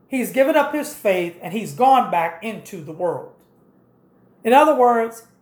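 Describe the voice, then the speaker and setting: A woman's voice: fairly high pitch, a little mellow, echoey room. A woman preaching a sermon, directing listeners through scripture passages and explaining them step by step.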